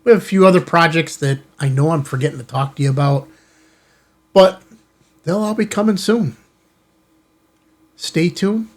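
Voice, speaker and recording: On a ham radio channel, an American man with a somewhat high voice chats casually with viewers while unboxing and showing off gear. He speaks at a moderate pace with long pauses, recorded in an indoor studio inside an office building.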